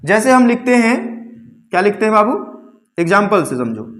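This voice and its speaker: A man's voice: high-pitched, very animated, normal speed, a bit bright. A man teaching English grammar to a class, repeating his questions back to the students and calling them "babu". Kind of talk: classroom lesson.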